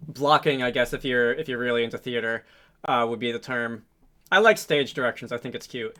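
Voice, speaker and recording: In a casual, unscripted screen-recording tutorial about game development, a man thinks aloud and muses to himself as he works. His mid-range voice is a bit bright and a little fast.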